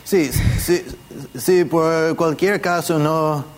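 A man teaching a church gathering in a conversational way, asking listeners questions and gently demonstrating how to pray. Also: fairly high pitch, steady tone, extremely slow. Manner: patient, asks questions and demonstrates prayers softly.

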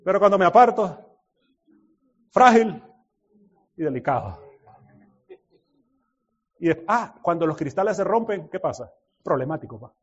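A man preaching a sermon in an animated way, dropping to soft asides and rising to shouted exclamations, often laughing. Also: high voice, a little slow, long pauses, slightly rough. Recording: dull lo-fi recording.

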